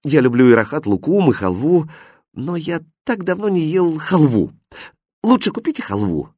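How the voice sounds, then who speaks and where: A man voicing Aladdin, an eager, naive young boy with a high, excited voice in a storybook reading. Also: moderate pace, husky, no echo, clean studio sound. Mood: bashful.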